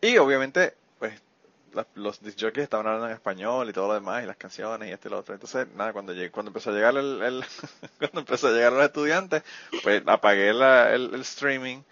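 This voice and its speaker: A man hosts a casual interview chat in a friendly way, laughing often and drifting into rambling asides. His voice is lowish and fairly bright, and he talks a little fast. The audio is muffled, lo-fi and dry, with no echo.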